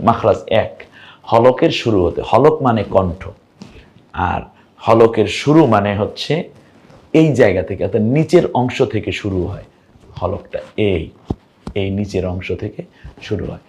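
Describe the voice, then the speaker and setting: A man with a Bangladeshi Bengali accent teaching Arabic letter pronunciation in an online lesson, patiently demonstrating each sound slowly. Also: on the low side, darkish tone.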